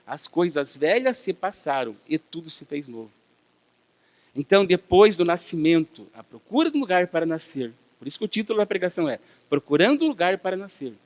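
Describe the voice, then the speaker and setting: A Brazilian man preaches from the pulpit in a fairly high voice, building emphasis and tossing rhetorical questions to his congregation. His words ring out with the long reverb of a church hall. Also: sing-song, fairly quick. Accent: Brazilian Portuguese. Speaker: pastor. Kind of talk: sermon.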